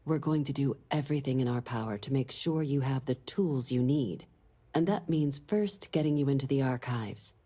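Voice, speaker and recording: Game role: crisp deputy diplomat, woman, low mellow husky voice. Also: normal speed. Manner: formal, briefing tone. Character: brisk female deputy diplomat, middle-aged, composed. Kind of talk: video game dialogue.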